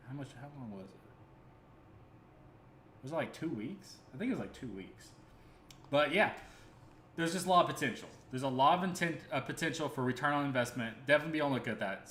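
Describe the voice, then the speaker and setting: A man's voice: a little high, fairly bright tone. A man hosting a crypto livestream, talking casually and earnestly, rambling with many fillers and restarts. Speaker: crypto stream host. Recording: echoey room with faint ambience.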